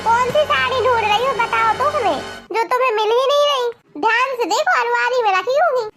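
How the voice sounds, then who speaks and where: A woman's voice: very high voice, quick pace, music in the background. A woman voicing a bossy, scolding middle-aged mother-in-law in a cartoon. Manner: scolding, fussy. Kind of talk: cartoon voice acting. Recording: loud background noise.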